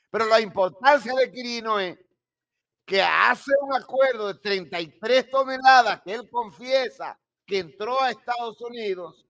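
A man explains things in a deliberate, emphatic way. His voice sits high for a man and has a strong gravelly fry. He speaks into a close studio mic. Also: fairly bright tone. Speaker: guest crime analyst. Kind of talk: emphatic studio interview analysis. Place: home office with shelves and flags. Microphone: studio mic on boom arm.

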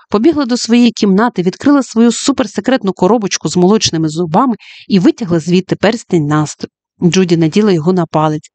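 Lively expressive narrator reading a children's storybook, middle-pitched voice, dead dry close sound. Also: no room sound. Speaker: audiobook narrator.

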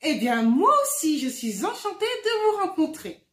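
Gentle woman hosting a children's show. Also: high voice, very animated, normal speed. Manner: gentle, addresses children directly. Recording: roomy echo.

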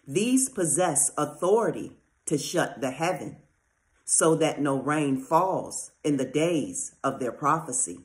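Slow, solemn scripture reader. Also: medium pitch. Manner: slow, solemn, deliberate delivery. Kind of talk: measured scripture reading.

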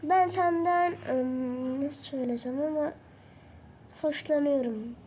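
A young woman voicing a shy schoolboy confessing his crush, hesitant and halting. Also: high voice, darkish tone, a little hiss or hum. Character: lovesick schoolboy classmate.

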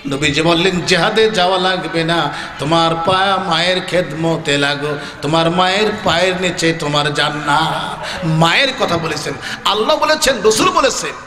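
A man from Bangladesh preaching a sermon as a chanted story, rising into high shouted, sing-song climaxes. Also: fairly even intonation, normal speed, echoey room, long reverb tail.

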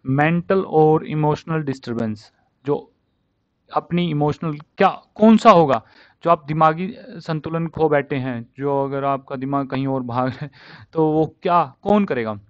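A man with a slightly high voice teaches vocabulary in a relaxed, chatty way, saying each word again and again so the listener picks up how it sounds. He switches freely between Hindi and English. The recording is dry and dull, with a lo-fi edge. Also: measured pace, no room sound. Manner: repeats words over and over, drilling pronunciation. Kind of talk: casual spoken lesson on word pronunciation.

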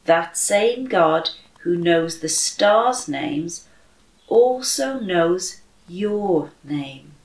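At home indoors, in a bright room by a window, a woman with a medium-pitched voice slowly and expressively reads a church story aloud to children and leads them in prayer. The room is echoey, giving the recording a roomy echo.

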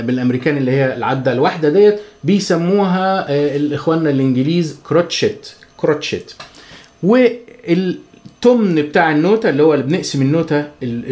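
A man with an Egyptian Arabic accent giving a chatty, joking guitar lesson, counting the beats out loud. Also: on the high side. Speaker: guitar teacher. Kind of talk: casual spoken music lesson.

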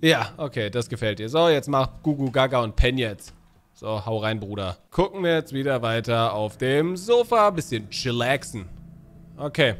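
A man casually commenting on a horror game as he plays, excitable and joking, bantering in slang with an in-game baby. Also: mid-range voice, normal speed. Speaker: gaming YouTuber. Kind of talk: casual let's-play commentary.

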